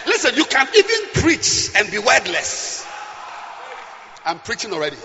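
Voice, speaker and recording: A man with a West African accent preaching a fiery, animated sermon, emphatic and repetitive, swinging from shouts to hushed asides. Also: extremely high pitch, a little slow, a crowd in the background. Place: large indoor church hall. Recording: echoey hall, slightly dull sound.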